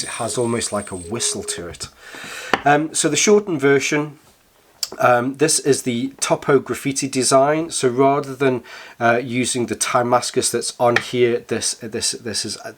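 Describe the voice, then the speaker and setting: A man with a croaky, slightly hoarse voice, chatting casually and enthusiastically as he reviews a product, a little rambling and hesitant. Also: medium pitch, a little hiss or hum. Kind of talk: casual review chat to camera.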